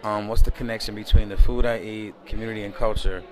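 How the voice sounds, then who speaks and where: A man answering interview questions in a relaxed, rambling way, full of fillers, recorded close to a camera indoors at a community event. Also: on the low side, fast. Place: indoor event space by a window at night.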